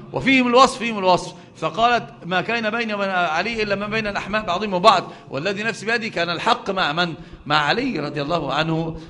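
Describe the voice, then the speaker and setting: A man's voice: high voice, fairly bright tone. A man with an Egyptian accent teaching a live religious lesson, emphatic and full of "aah" fillers, restarts and rhetorical questions to his students. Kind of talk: live classroom lecture on doctrine.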